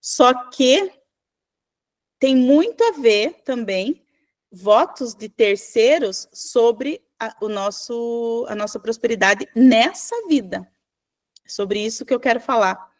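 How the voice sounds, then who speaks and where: A woman's voice: on the high side, takes it slowly. Chatty woman teaching a class. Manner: chatty, animated storytelling with asides to the class. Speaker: spiritual teacher. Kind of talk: informal online class.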